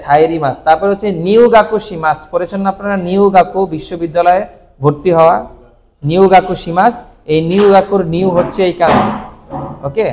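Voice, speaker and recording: A man teaching a Japanese kanji lesson, asking questions and answering them himself with steady repetition. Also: high-pitched, in a large hall. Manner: asks questions and answers them himself, repeating key words.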